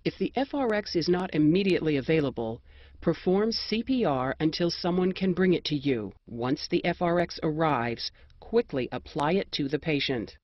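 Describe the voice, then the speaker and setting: American narrator, medium pitch, scripted instructional read, measured, formal, dry dull lo-fi audio. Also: animated.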